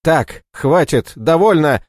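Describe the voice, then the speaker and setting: A man's voice: medium pitch, sing-song, normal speed, dry recording, clean studio sound, pitched above the performer's own voice, lightly acted. A man doing a hot-tempered dim warrior. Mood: angry. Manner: shouting, bossy.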